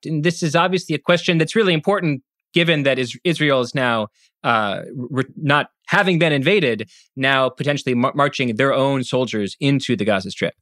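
Male interviewer, mid-pitched, probing and deliberate, dry close recording. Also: fairly bright tone, no room sound. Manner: probing, builds questions step by step. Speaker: host. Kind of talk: interview questions.

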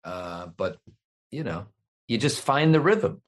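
A man's voice: medium pitch, big pitch swings, takes it slowly. A middle-aged man, a voice actor, chatting as an interview guest in a rambling, self-deprecating way. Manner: rambling, self-deprecating, many fillers and restarts. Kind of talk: casual interview chat.

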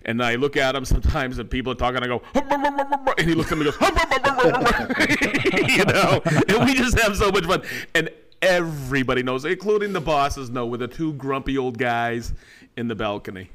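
A middle-aged man co-hosting a casual podcast, animated and quick to laugh. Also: medium pitch. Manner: animated, laughs loudly and often, reads comments in mock voices. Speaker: podcast co-host. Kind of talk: casual chat.

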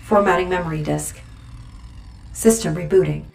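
A woman voicing a female AI android companion that is rebooting after a memory wipe and greeting its user from scratch. She speaks softly and in a measured way. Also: fairly low pitch, vocal fry. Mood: freshly rebooted. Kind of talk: audio roleplay.

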